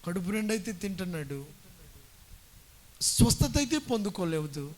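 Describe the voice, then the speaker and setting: A man pastor preaching a sermon, telling stories and building up to loud, forceful exhortation. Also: sits high, animated, normal speed. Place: church worship service.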